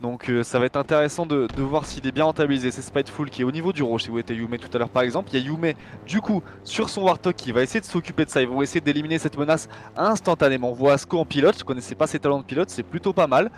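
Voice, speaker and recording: Male esports caster, slightly high pitch, conversational live commentary, repeated phrases, faint game gunfire behind. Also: fast, few pauses, slight background noise.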